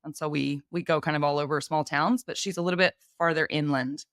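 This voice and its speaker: A woman co-hosting a podcast, chatting in a friendly, expressive way and laughing easily. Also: low-pitched, brisk, clean tone, no echo, clean studio sound. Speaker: podcast co-host. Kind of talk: casual podcast chat.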